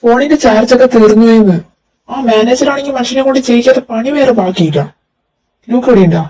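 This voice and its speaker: A woman's voice: fairly high pitch, fast talker, dark tone, lightly acted. Woman voicing a weary grumbling father. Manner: grumbling complaints about work. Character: tired middle-aged father, overworked and grumbling. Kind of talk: fan audio drama. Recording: distant mic with faint music.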